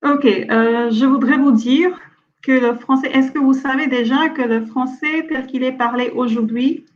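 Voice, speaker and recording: A woman with an Indian accent teaching French pronunciation in an online lesson, switching between French and English and repeating example words slowly and clearly. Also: high voice, steady tone. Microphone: online webinar audio. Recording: dull lo-fi webinar audio.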